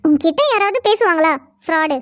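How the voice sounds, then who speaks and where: A woman's voice: very high-pitched, fairly quick, a bit bright, dry recording, clean studio sound. A woman voicing a defiant young bride in a cartoon drama, firing back sarcastic retorts.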